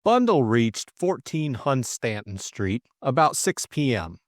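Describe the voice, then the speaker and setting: Reading an audiobook from a script, a man speaks at a slow pace, his pitch rising and falling expressively through each sentence. The recording is very dry and close, with almost no room sound and no echo.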